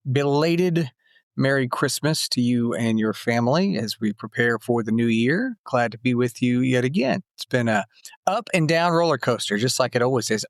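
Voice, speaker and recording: A man's voice: medium pitch, no echo, clean studio sound. Easygoing man co-hosting a podcast. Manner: easygoing, chatty. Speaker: podcast co-host. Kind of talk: casual chat.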